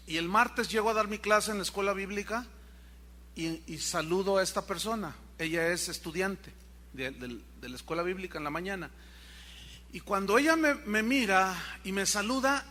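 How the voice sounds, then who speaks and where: A man's voice: high-pitched, pushed and bright. A male pastor preaching a sermon, telling stories animatedly and addressing the congregation directly.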